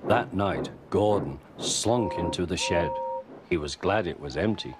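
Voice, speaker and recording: Expressive male storybook narrator. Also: deep voice, unhurried, heavy background noise. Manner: expressive, dramatic. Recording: loud music behind.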